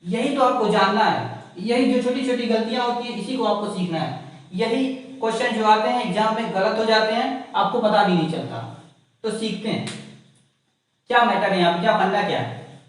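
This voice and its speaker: A man's voice: high-pitched, normal speed. A man teaching English grammar in a classroom lesson, repeating points and asking questions. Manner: repetitive, asks the class questions. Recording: echoey room, mic far off.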